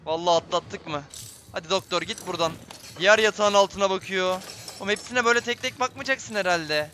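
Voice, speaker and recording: Male streamer, tense horror-game commentary, high and bright, addresses viewers constantly. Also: brisk, slight background noise. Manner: tense, jumpy, talks to viewers. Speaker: gameplay streamer.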